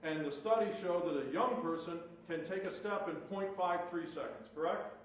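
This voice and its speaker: In this courtroom cross-examination, a male defense attorney with a high-pitched voice questions a witness at moderate speed, ending each leading question with "correct?". Sound is echoey and distant, with a little background noise.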